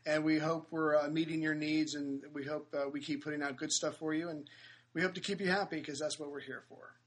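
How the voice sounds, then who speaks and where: A man from Chicago cohosting a podcast, chatting casually and joking while quickly agreeing with his guest in a hotel room. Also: a little high, fairly even intonation. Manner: jokey, affirming, quick to agree. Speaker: podcast host. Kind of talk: casual chat.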